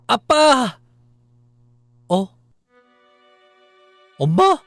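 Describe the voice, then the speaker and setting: A man's voice: medium pitch, darkish tone, no room sound. A man playing a horror game, casually muttering to himself and reading the game text aloud. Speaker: game streamer. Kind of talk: casual let's-play commentary.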